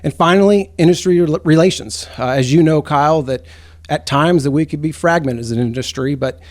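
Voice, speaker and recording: A man's voice: on the high side, a little fast, a little mellow. An American man, an association executive, giving interview answers.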